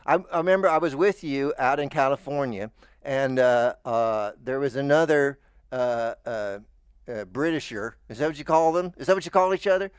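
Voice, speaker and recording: A man's voice: medium pitch, normal speed, clear, resonant tone, no echo, clean studio sound. An American man chatting casually as a show host, rambling and stammering through restarts. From United States. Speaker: podcast host. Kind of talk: casual chat.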